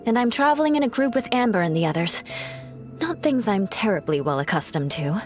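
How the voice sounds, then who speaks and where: An actress voices a proud, self-reliant young noblewoman warrior in fantasy video game dialogue, sounding poised, formal, haughty and self-assured. Her natural mid-range voice is sing-song and fairly quick, and faint music plays under the game audio.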